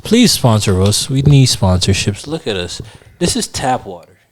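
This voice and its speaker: A man co-hosting a podcast, telling loose slang-heavy stories in casual chat that often trail off quietly. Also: mid-range voice, very animated, moderate pace. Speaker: podcast co-host.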